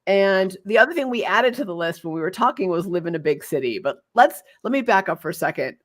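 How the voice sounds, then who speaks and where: A woman's voice: medium pitch, expressive, quick pace. A woman in her fifties hosting a casual interview, chatty and effusive, talking freely with lots of fillers. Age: 50s. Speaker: podcast host.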